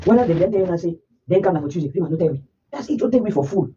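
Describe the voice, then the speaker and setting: A woman's voice: fairly low pitch, lively intonation, warm tone, far from the mic, highs cut off, a little hiss or hum. A woman with a Nigerian Pidgin accent, a mother scolding her child in a heated family argument. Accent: Nigerian Pidgin English. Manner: scolding, rapid and insistent.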